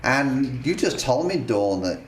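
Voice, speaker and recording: A man's voice: mid-range voice, sing-song, unhurried, a little hiss or hum. A middle-aged man with a Texan accent, hosting a casual podcast chat in a folksy, drawling way. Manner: folksy, drawling, with emphatic repeats. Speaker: podcast host.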